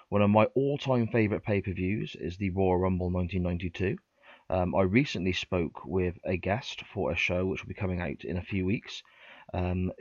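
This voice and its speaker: This podcast host, a man with a lowish voice, chats politely and casually with his interview guest, dropping frequent ums. He sounds congested from a cold, and the dry recording has its highs cut off.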